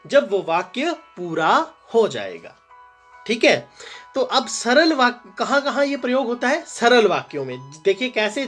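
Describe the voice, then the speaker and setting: A man's voice: high voice, fairly bright tone. A man teaching a grammar lesson, asking and answering his own questions and repeating the example sentences with emphasis.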